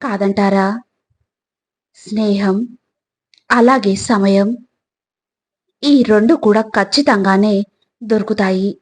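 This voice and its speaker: A woman with a medium-pitched voice reads scripted motivational narration, delivering short, deliberate phrases and frequently addressing the listener directly.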